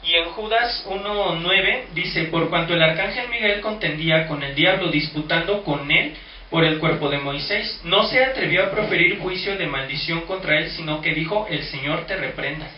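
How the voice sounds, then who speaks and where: A man's voice: fairly high pitch, normal speed, a little hiss or hum. A man teaching a Bible study lesson, explaining step by step and asking rhetorical questions. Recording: echoey room, distant mic, dull sound.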